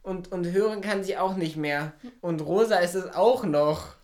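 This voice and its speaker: A woman's voice: on the low side, measured pace, a little mellow, close to an everyday voice. A woman voicing a playful, teasing young kindergarten boy in a children's audio drama. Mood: explaining. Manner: teasing, matter-of-fact.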